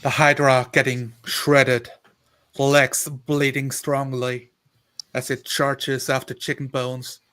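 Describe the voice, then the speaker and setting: A man's voice: medium pitch, little pitch movement, slow, bright, forceful tone. A man running a tabletop role-playing game, narrating scenes and calling results as game master.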